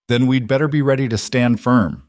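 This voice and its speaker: In a clean studio recording with no echo, a man with a medium-pitched voice speaks fairly quickly, lifting his pitch above his natural range while staying close to an everyday voice. He is performing an audiobook character, a determined, educated young woman who talks steadily and formally. She sounds steady and keeps herself together.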